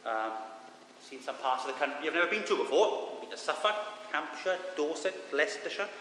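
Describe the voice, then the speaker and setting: A man's voice: fairly high pitch, animated, brisk, sharp tone. A man with a thick Swansea Welsh accent giving an informal, self-deprecating sermon as a lay preacher. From Swansea, Wales. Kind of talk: informal sermon with Bible reading. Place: large reverberant church room. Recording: echoey hall, reverberant, with background noise.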